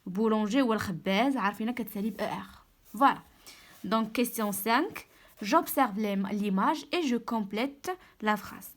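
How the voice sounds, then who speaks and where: A young woman with a Moroccan Arabic accent, an online tutor explaining a French lesson, dictating French words slowly. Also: fairly high pitch.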